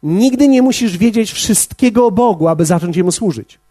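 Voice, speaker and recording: A man preaching a sermon as pastor, measured and speaking directly to his congregation. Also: sits high, animated, warm tone, dry recording, faint music behind.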